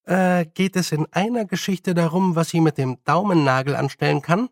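A man's voice: fairly high pitch, normal speed, no room sound, studio quality, voice pushed up, close to an everyday voice. A man doing a clever matter-of-fact witch girl.

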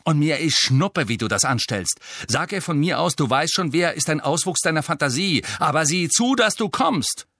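A man's voice: mid-range voice, big pitch swings, fairly quick, hardly any pauses, fairly bright tone, no room sound, clean studio sound. A man reading an audiobook, voicing an angry teenage girl who captains a sports team. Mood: furious. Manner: angry, hissing, jabbing.

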